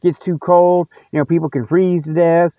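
Speaking at a moderate pace with little pitch movement, a man with a higher voice hosts a humorous mock news show. He rambles in a casual, folksy, jokey, colloquial way, and the dry recording sounds narrow like a phone, without echo.

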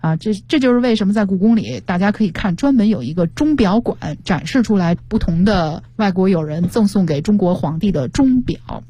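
A woman's voice: medium pitch, lively intonation, brisk, hardly any pauses, warm tone, husky, no echo. A woman guest teacher on a radio show, explaining English words and pronunciation with example sentences. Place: radio studio. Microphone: studio microphone.

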